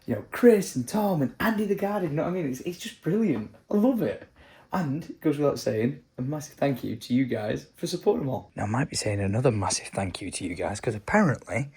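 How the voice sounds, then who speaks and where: A man's voice: medium pitch, dark tone. A man, talking casually to his vlog camera in a chatty, enthusiastic way. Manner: chatty and enthusiastic, with filler likes. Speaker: vlogger.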